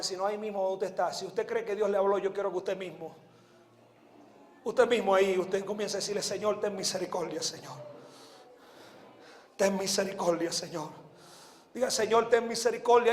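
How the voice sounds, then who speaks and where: A high-pitched man preaches with fervor, leading a congregation in repetitive prayer and swinging from hushed tones to full shouts. His voice rings through a large church hall with a long, echoing reverb. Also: fairly even intonation, fairly quick. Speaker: evangelist. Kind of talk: sermon and altar prayer.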